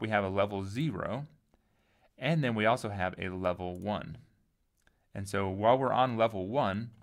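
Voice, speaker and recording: A man with a lowish, gravelly voice walks through a software tutorial in a loose, relaxed way. He thinks aloud and lets his sentences trail off. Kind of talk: casual screen-recorded tutorial.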